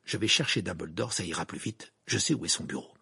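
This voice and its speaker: Man playing a panicked teenage wizard boy, high strained voice, gravelly, dry close recording, urgent pleading. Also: lively intonation, fast, no room sound, full character voice. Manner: pleading, urgent, shouting at times.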